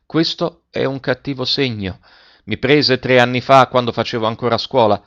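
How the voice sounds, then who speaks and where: Speaking at medium pitch with a fairly bright tone close to his everyday voice, a man portrays an old retired schoolmaster who is frail, courteous and wistful. The voice trembles slightly but stays full as he slowly recalls the past, captured in a dull lo-fi recording without echo.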